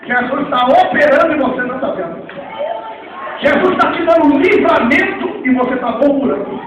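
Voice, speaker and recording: Man, Rio de Janeiro accent, Pentecostal pastor, very high voice, booming echo from far off in a church hall. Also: lively intonation, moderate pace, highs cut off, a crowd in the background. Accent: Rio de Janeiro Portuguese. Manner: swings from hushed asides to shouted exclamations. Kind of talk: Pentecostal sermon. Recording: echoey, far-off hall recording with faint noise.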